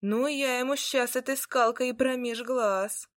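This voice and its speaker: A woman's voice: a little high, fairly even intonation, measured pace, a bit bright, voice pushed up. A woman voicing a cocky serpent-man warrior who teases and grumbles when offended. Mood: sulky. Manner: teasing, sulky grumbling.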